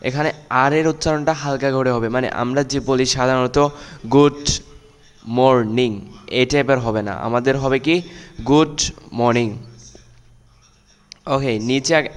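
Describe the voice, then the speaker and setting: A man's voice: medium pitch, fairly even intonation, clean tone, big-room sound. Male teacher drilling English pronunciation. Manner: slow, drawn-out model pronunciation of English words; repeats and corrects words, addressing children directly. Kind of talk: spoken English lesson for children.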